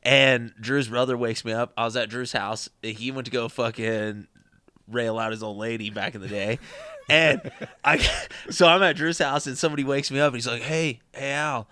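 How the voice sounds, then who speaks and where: An American man with a bright, forward voice, recorded close and dry. He chats loosely as a podcast co-host and drops curse words into his stories. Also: mid-range voice, steady tone, normal speed, clean tone, no echo. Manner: loose storyteller, swears freely. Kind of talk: casual chat.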